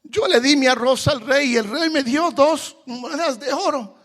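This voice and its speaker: A man playing a selfish poor beggar in a preached story, protesting loudly in a raised voice. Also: very high voice, normal speed, voice pushed up. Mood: astonished. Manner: pleading, shouting protests.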